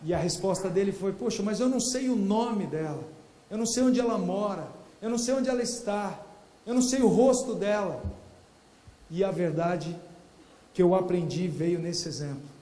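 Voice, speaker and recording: A man with a Brazilian Portuguese accent preaching earnestly at a workshop plenary, repeating key phrases and dropping to a hush for emphasis. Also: sits high, moderate pace. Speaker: pastor.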